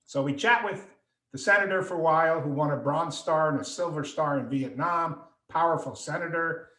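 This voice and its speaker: The voice is a little high and moderately paced: a middle-aged author and speaker telling a story on a video call. He animates it by acting out the voices of the people in it, and the echoey room carries through the call.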